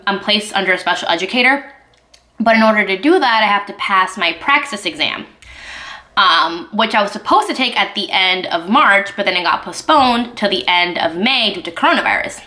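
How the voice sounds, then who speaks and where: Bright-voiced chatty young woman. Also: medium pitch. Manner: chatty, filler-heavy talk, eating while speaking. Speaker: vlogger. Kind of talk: casual chat. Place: home, at breakfast indoors. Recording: echoey room.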